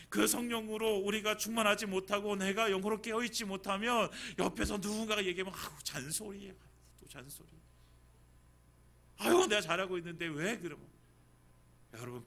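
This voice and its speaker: High bright-voiced male pastor preaching. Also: creaky. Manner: emphatic preaching, swings from hushed to loud. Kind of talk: sermon. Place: church.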